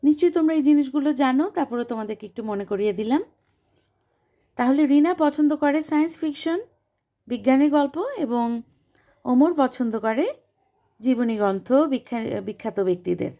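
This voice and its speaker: A woman's voice: high voice, normal speed, pauses often, mellow. A woman with a Bangladeshi accent, an English teacher explaining a lesson and repeating each English line in Bengali.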